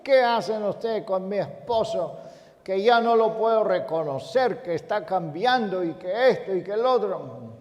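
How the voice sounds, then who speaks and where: A man preacher voicing an upset middle-aged wife who scolds the church in a shrill, reproachful tone. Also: lively intonation, measured pace, a little mellow, long reverb tail, lo-fi sound. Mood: scolding.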